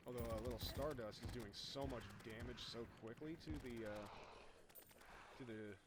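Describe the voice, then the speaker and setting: A man's voice: mid-range voice, normal speed, heavy background noise. Rambling, jokey man narrating gameplay. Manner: rambling, jokey, excitable at big hits. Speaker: gaming YouTuber. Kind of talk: casual gameplay commentary.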